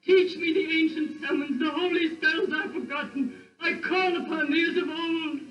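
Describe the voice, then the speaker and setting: A desperate young priestess, super high voice, melodramatic old 30s horror movie, echoey and far off. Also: female voice, fairly even intonation, normal speed, a bit bright. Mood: pleading. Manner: theatrical, pleading declamation. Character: desperate young woman, reincarnated Egyptian priestess. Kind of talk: 1930s horror film acting, melodramatic. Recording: distant, echoey, dull 1930s film soundtrack with music.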